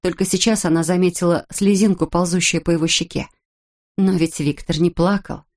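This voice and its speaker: Woman narrator, audiobook reading, measured and even, lowish voice.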